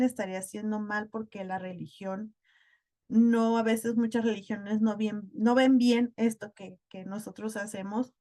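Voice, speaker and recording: A woman's voice: a little high, a little mellow. A woman, a spiritual podcast guest, earnestly telling a personal story in casual chat.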